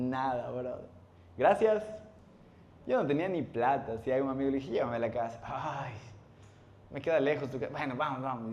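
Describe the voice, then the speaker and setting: A man, a pastor preaching a sermon in a church, telling stories with animated acted-out voices and frequent laughter. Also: mid-range voice, slight background noise. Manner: animated storytelling, acts out voices, laughs often.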